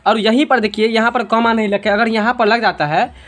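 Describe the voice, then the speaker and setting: A woman's voice: on the high side, fairly even intonation. Woman teaching a patient classroom lesson. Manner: patient, asks students questions and slows down for examples. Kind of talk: classroom Hindi grammar lesson.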